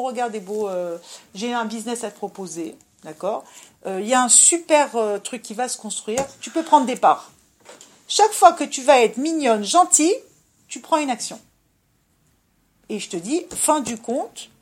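High-pitched woman preaching casually, gets loud then drops to a murmur, keeps asking you get it?. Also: normal speed. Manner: animated, swings between loud emphasis and soft murmur. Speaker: religious speaker giving advice. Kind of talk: informal religious talk.

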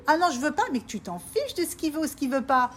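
Very animated and talking fast in a high voice, a woman teaches faith to a group of women in an informal Torah talk. As a religious teacher she repeats herself emphatically and keeps asking if they understand.

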